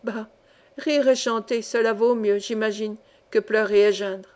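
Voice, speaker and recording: A jovial, chatty young former miner in his twenties , as a woman reader puts him on in an audiobook. He talks cheerfully and freely, in a fairly high voice. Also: fairly even intonation, measured pace, darkish tone, lightly acted. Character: cheerful man of twenty-five, singing ex-miner.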